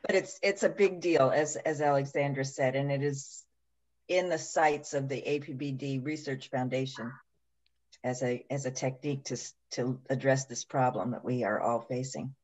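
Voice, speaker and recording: A woman from the organizing foundation making measured, lightly joking remarks on a video call. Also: extremely low pitch, steady tone, a little mellow, rough recording. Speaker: foundation representative. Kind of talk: casual remarks in a video chat.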